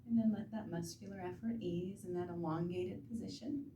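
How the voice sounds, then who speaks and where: Soft, very mellow woman guiding relaxation. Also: lowish voice. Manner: soothing, unhurried, gentle instruction with pauses. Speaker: instructor guiding self-treatment bodywork. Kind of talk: guided relaxation body-awareness lesson. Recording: roomy, distant mic with background noise.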